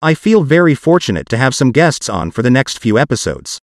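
A man's voice: mid-range voice, big pitch swings, brisk, no room sound, studio quality. A man's computer-generated voice, like an old speech synthesizer, hosting a podcast with scripted, machine-like narration. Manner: evenly articulated, machine-like reading. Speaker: podcast host.

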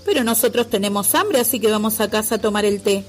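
A woman's voice: mid-range voice, fast, soft background music, pitched above the performer's own voice, close to an everyday voice. A woman voicing a cheerful, teasing male elephant in a storybook. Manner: teasing, lively.

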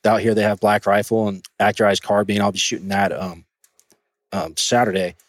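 A man with a somewhat low voice talks as a guest on a podcast, earnest and chatty, often repeating words as he restarts. The sound is dry and close to the mic, with no room around it. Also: fairly even intonation, normal speed, no room sound. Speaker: guest, shooting instructor. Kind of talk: casual podcast conversation.

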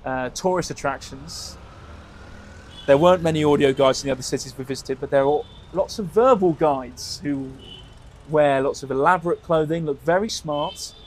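Male co-host, a touch high, rambling upbeat travel storyteller. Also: moderate pace, a little mellow, slight background noise. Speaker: podcast co-host.

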